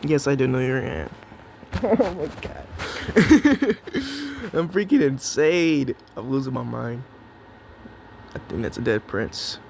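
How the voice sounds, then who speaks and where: A man's voice: mid-range voice, expressive, measured pace, creaky, long pauses, darkish tone, slight background noise. A young man giving casual, jokey commentary on his own match, talking to himself and to his opponent. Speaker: gameplay commentator. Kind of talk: live gameplay commentary.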